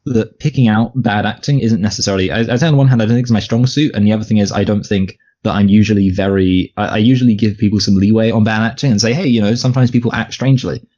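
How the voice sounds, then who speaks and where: A man with a fairly low voice talks quickly and loosely, circling back on his points and restarting sentences as he goes. The audio is dull and lo-fi, like a home podcast recording. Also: warm tone. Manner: rambling, many restarts and fillers. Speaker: podcast co-host. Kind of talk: casual chat.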